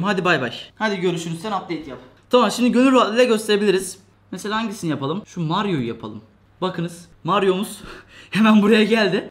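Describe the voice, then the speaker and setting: A tech reviewer, a man with a high-set and slightly bright voice, talks fast while reviewing a gadget from his desk indoors in a casual vlog. He chats loosely, jokes, laughs often and mock-complains along the way.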